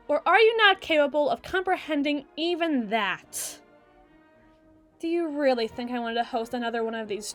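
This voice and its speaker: In a scripted ASMR roleplay, a woman plays a regal, icy evil queen, delivering formal, theatrical oratory with deliberate emphasis. Her voice is a little high and fairly bright, and her mood is scornful and imperious.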